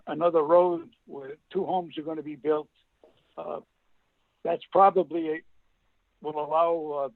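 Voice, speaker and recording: A man speaking at a public meeting over a group call line that breaks up, with halting speech and many filler pauses. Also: on the high side, dry recording. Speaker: board member at a public meeting. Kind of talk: remote meeting discussion. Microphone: computer or phone on a group call. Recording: tinny, dry call audio.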